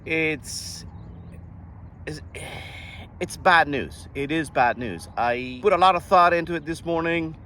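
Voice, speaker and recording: Earnest older man, higher voice. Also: pushed and bright, slight background noise. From Costa Rica. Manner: earnest, halting with restarts. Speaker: vlogger. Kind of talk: casual monologue.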